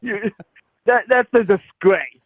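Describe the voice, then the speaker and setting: Florida guy calling in on the phone, high voice, thin tinny line, goes on and on joking about football picks. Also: takes it slowly, no room sound. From Crestview, Florida, US. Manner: excitable, joking, rambles through numbered points. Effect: heard over a phone line. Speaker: caller to a sports show. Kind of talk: casual phone-in chat.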